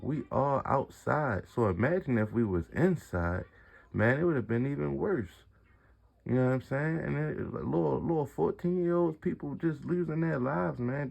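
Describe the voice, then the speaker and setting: Gravelly young-sounding man, slangy eyewitness. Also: medium pitch. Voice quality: gravelly, husky. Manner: slangy, rambling, repeats "you know what I'm saying". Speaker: concertgoer giving an eyewitness account. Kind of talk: casual street interview.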